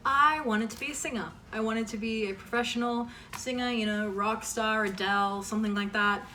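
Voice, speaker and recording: Her voice is fairly high and sharp, steady in tone and at normal speed, with faint music playing behind her. She's a Canadian host of a fan voice-acting channel, answering questions in a rambling, self-deprecating chat full of trailing asides. A distant mic captures faint background noise.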